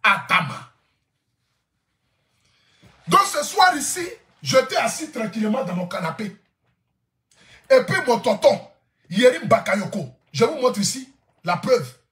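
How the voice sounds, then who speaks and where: Brief: man, influencer telling a tale, lively swooping pitch, echoey room, laughs a lot. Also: unhurried, pauses often. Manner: laughing often, repeats lines for effect. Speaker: social media influencer. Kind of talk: animated storytelling to camera.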